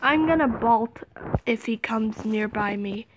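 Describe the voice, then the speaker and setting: A woman giving excited game commentary, dropping to whispers and jumping to shrieks. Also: fairly high pitch, a little slow, background noise. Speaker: gaming video host.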